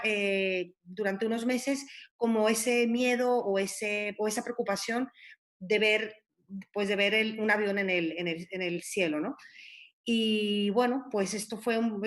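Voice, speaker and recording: A woman's voice: on the high side, a bit bright. A woman in her forties, a panelist on a live stream, recalling past events with hesitant restarts. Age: 40s.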